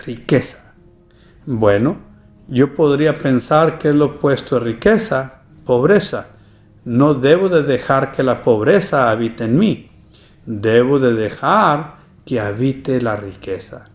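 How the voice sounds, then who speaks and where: A man teaching a church Bible study lesson, reading verses slowly and deliberately with emphasis. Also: mid-range voice, expressive. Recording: echoey room.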